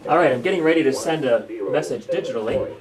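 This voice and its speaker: A man with a fairly high voice speaks fast while presenting a casual hands-on demo and describing each step. He is an exercise participant and presenter at a small indoor radio desk. The audio is poor, with crowd noise and faint room noise.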